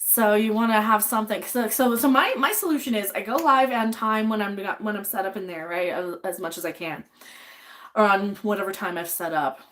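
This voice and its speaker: Her mid-range voice is fairly bright and moves a little fast as this young adult woman hosts a relaxed livestream while she cooks. Blunt and rambling, she swears without holding back and calls out chat names before answering them, sounding a bit sniffly.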